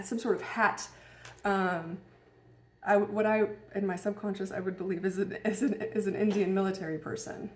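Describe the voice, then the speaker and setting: A woman's voice: medium pitch, a little mellow. A woman telling a personal story in a casual, musing way, hesitant and full of fillers and restarts. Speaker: vlogger. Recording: roomy echo.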